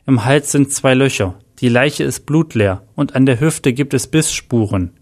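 A man's voice: mid-range voice, a little slow. A man voicing a stressed, frightened young woman in a read-aloud story, tense and shaky.

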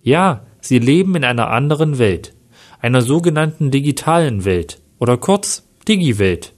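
A man's voice: medium pitch, big pitch swings, normal speed. Grumpy hotheaded investigator guy, a man reading him, plain storybook voice. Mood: agitated. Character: bitter, hot-tempered middle-aged male investigator.

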